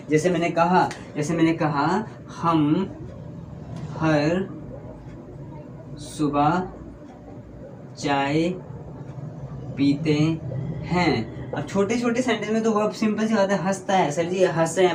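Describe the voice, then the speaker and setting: A man teaching grammar in a classroom, explaining slowly and answering his own questions. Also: fairly high pitch, darkish tone, a little hiss or hum. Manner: explains slowly, drags out example sentences word by word; asks questions and answers them himself. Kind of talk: classroom lesson. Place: classroom at a board.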